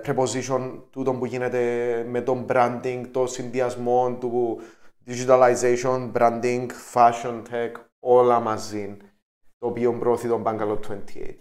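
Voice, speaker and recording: A man with a Cypriot Greek accent hosting an interview, speaking haltingly and often switching into English phrases. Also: medium pitch, a little mellow. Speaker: podcast host, interviewer. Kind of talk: conversational interviewing. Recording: roomy, echoey sound.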